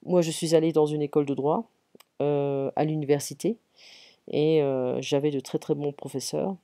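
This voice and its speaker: A woman's voice: deep voice, fairly even intonation, normal speed, mellow. A French woman teaching a one-on-one grammar lesson, patiently reading out example sentences and checking for understanding.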